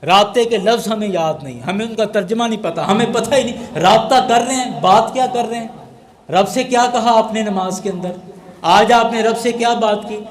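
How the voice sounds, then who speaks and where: A man delivering a sermon as an Islamic scholar, his voice pitched notably high. He drives his message home with rhetorical questions, and the sound carries a noticeable echo.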